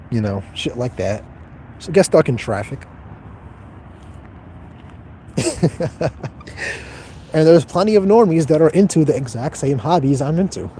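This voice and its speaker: A man's voice: a little high, dark tone, slight background noise. A man in his twenties livestreaming, reading chat questions aloud and answering them in a blunt, profane, detached way. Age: 20s.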